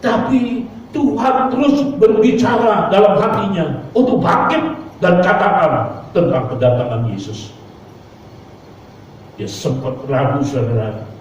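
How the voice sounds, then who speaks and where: A male pastor preaching a sermon, punctuating his phrases with a repeated address to the congregation and acting out quoted voices with big pitch jumps. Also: expressive, measured pace, slight background noise. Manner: preacher's refrain of "saudara kasih Tuhan" between phrases. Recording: echoey church hall from far off, dull.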